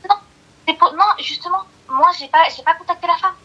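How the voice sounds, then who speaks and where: A woman caller with a small, soft voice, talking hesitantly and apologetically on a live call. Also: very high voice, fairly quick, dull audio.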